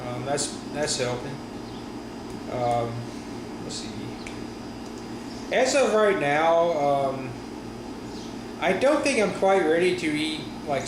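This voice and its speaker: A man talking casually in a personal vlog after wisdom teeth surgery, with a sore stiff jaw, halting and often correcting himself. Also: a little high. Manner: halting, rambling, frequent self-corrections. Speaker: vlogger. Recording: roomy echo with steady room noise.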